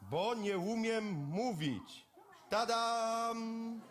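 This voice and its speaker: A man performing a live cabaret sketch, talking in blunt, lively working-class banter. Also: sits high, slow pace, background noise. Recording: stage mic with loud audience laughter.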